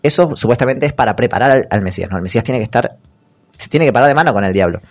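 A man's voice: medium pitch, expressive, very fast. A young man with an Argentine Spanish accent, hosting a podcast and retelling a story in a jokey, slangy way, breaking into put-on character voices. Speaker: podcast host. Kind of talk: comic casual retelling.

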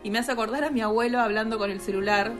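A woman's voice: a little high, steady tone, very fast, music in the background. A woman, co-hosting a podcast and emotionally retelling film scenes in casual chat. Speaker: podcast co-host.

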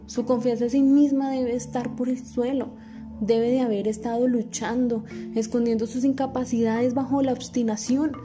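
Woman doing a caring teacher, explains things slow, kinda high voice, music playing behind. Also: fairly even intonation, close to an everyday voice. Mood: explaining. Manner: earnest, explaining slowly and spelling out letters. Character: patient caring female teacher, adult. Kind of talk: dubbed film dialogue.

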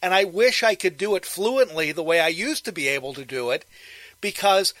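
Chatty fifty-something guy from pittsburgh hosting, pretty high voice, laughs easy. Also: animated, moderate pace, a bit bright, no echo, low-quality recording. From Pittsburgh area, USA. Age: 50s. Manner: friendly, chatty, laughs easily. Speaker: interviewer host. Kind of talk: casual phone interview.

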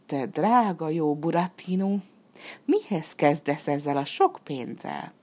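A woman voicing a sly, flattering female fox in a storybook reading, with a sweet, wheedling, drawn-out way of talking. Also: low-pitched.

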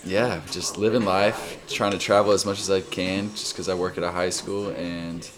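A man's voice: sits low, little pitch movement, normal speed. A man in his twenties with a Southern US accent, a podcast guest chatting in a laid-back, joking way. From Texas. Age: 20s. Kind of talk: casual chat. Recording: live room with crowd noise behind.

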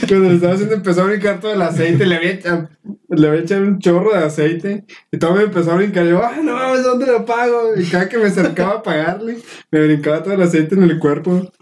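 A young man with a Mexican accent telling a kitchen mishap in animated, slangy casual chat. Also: high-pitched, fast talker, slight background noise. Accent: Mexican Spanish. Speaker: podcast guest.

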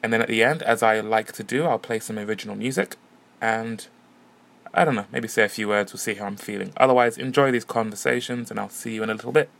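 A man's voice: on the low side, fast talker, creaky, fairly bright tone. A man hosting a podcast, chatting easily as he introduces and interviews performers at a music venue. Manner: chatty, easygoing. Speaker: podcast host. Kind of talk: casual podcast narration and interviews. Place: music venue and street outside.

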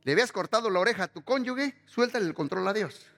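A man preaching a sermon as pastor, lively and full of humorous personal stories. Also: high-pitched, fast talker, faint music behind.

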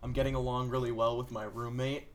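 A man's voice: mid-range voice, little pitch movement, quick pace. A young man, a college student, chatting casually and rambling with lots of filler words. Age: young adult. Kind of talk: casual chat.

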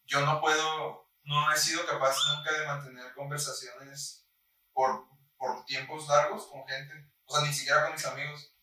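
A man's voice: on the high side, flat delivery, moderate pace, pushed and bright. A young Mexican man co-hosting a podcast in casual chat, rambling and slangy, dropping "güey" into almost every sentence. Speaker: podcast co-host. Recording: echoey room, far from the mic, faint noise.

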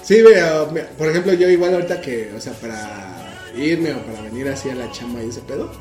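A man's voice: mid-range voice, animated, brisk, darkish tone. Slangy Mexican guy, roomy sound, music behind. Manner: slangy, laughs often while talking. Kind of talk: casual chat.

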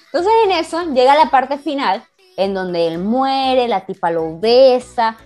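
Animated young woman telling a story. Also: on the high side, a little slow, soft background music. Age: 20s. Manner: animated storytelling, laughing often. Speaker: podcast co-host. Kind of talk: casual podcast chat.

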